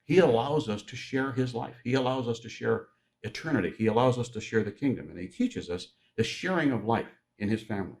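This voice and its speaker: A man preaching a sermon in a conversational teaching style, joking with the congregation and slowing down to stress key words. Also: medium pitch, expressive, darkish tone.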